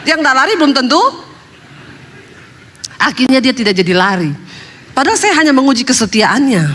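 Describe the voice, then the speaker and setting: A woman pastor with a high voice, preaching through a string of chatty, funny stories. Her words ring on in the long reverb of a hall. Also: noisy background. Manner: chatty and humorous, laughing at her own jokes. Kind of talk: storytelling sermon.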